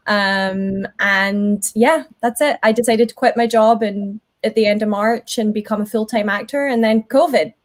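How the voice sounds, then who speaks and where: A woman with a Scottish accent talks easily and chattily as an interview guest, filling her sentences with ums and quick laughs. She sounds about thirty-something, and her voice sits at a middling pitch. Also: fairly even intonation. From Scotland. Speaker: guest actor. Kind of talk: casual interview chat.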